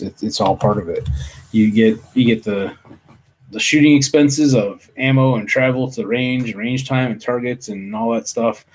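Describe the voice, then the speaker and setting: A man's voice: fairly low pitch, a little mellow. Rambling man chatting on a live stream. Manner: rambling, full of fillers and restarts, mild swearing. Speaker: livestream show host. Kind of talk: casual live-stream chat. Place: home office. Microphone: desktop USB studio mic.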